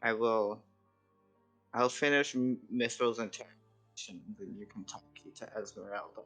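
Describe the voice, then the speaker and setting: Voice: medium pitch, moderate pace, fairly bright tone, faint music behind. A game master running a live tabletop game in a casual, chatty way, switching between narration and in-character lines.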